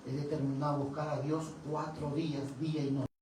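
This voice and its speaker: A man's voice: on the high side, level tone, fairly quick, very echoey, distant mic. Man, pastor, testimony sermon, dramatic storytelling, noisy church room. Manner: dramatic storytelling, acting out dialogue. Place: church hall.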